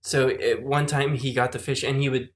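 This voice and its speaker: A man co-hosting a casual podcast, telling a story in a halting way and repeating his words as he goes. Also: mid-range voice, flat delivery, slight background noise. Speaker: podcast co-host. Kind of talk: casual chat among friends.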